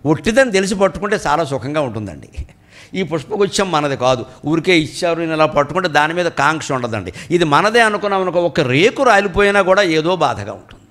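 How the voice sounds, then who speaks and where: High-voiced man giving a spiritual discourse. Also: fast talker. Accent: Telugu. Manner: lively storytelling lecture, rhetorical questions, swings from loud to quiet. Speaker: spiritual speaker. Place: cultural hall at a memorial event.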